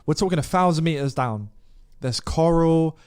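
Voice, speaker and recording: An English man on a casual podcast, telling a lively anecdote with the odd swear word. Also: fairly high pitch, moderate pace, clear, resonant tone. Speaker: podcast co-host. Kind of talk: casual chat.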